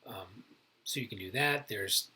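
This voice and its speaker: A man with a very bright, forward tone and a husky edge walks other realtors through his methods. He talks in a loose, chatty way, full of restarts and slang. It sounds like a casual tutorial from one agent to his peers. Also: on the low side, a little slow, low-quality recording. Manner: informal, chatty, self-correcting. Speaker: realtor and channel host. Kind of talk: casual how-to talk to fellow agents.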